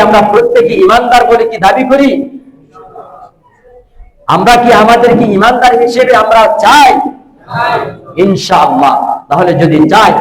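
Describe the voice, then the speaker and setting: A man preaching a Friday sermon in a booming, emphatic voice, putting rhetorical questions to his congregation. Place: mosque, speaking to a congregation. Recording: echoey amplified room sound.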